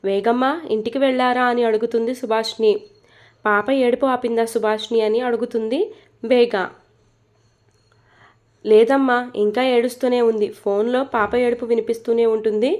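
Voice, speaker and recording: A woman narrating a romantic story with a steady, expressive reading. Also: fairly high pitch.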